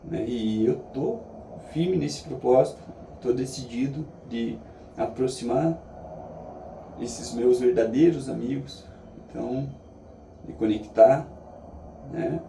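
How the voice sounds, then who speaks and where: A Brazilian man reflects out loud in a casual vlog style, earnest and halting. His voice is very dark and creaky. It is picked up from a distance with clear room echo. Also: mid-range voice. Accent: Brazilian Portuguese. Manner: earnest, halting, with frequent tag questions. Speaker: vlogger sharing daily reflections. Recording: echoey, distant mic, faint background noise.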